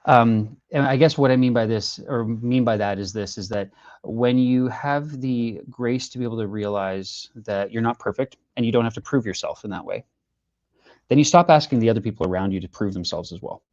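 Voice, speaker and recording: A middle-aged man speaks in an earnest, reflective way, often pausing and rephrasing as he gathers his thoughts. His voice sits at an ordinary pitch for a man. The recording is a little muffled and lo-fi. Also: darkish tone. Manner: earnest, reflective, restarts phrases while searching for words. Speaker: interviewed musician. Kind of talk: casual interview chat.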